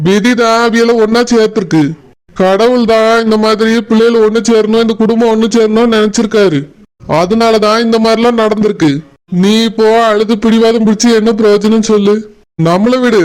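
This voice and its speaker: A man voicing a calm, patient village father consoling his wife in a cartoon, speaking gently with a Tirunelveli Tamil accent. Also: sits high, clean tone, lightly acted. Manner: gentle, reasoning, soothing. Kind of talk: cartoon voice acting.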